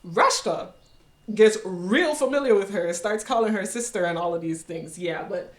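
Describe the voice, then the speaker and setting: A woman's voice: medium pitch, animated, moderate pace, reverberant. A woman recapping a series in casual, sassy commentary, with chatty laughing asides. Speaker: recap host.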